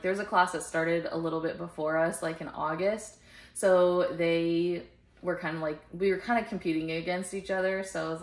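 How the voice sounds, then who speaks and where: A woman's voice: fairly low pitch, low-quality recording. A young woman in her twenties, chatting casually to a handheld camera in a daily vlog and saying "like" a lot. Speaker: vlogger. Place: car, gym, bedroom and kitchen. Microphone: camera held at arm's length.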